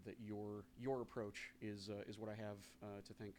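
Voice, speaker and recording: A man's voice: lowish voice, flat delivery, normal speed, noisy background. A man in his thirties interviewing casually, deferential and wordy, often feeling his way through a question. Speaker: interviewer, convention Q and A host.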